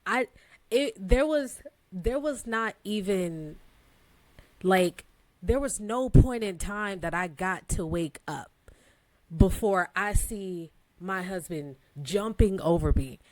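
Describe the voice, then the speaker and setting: A woman in her thirties, co-hosting a podcast, telling a story in a casual, animated way with relaxed phrasing and frequent laughter. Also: mid-range voice, slow pace, no echo. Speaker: podcast co-host.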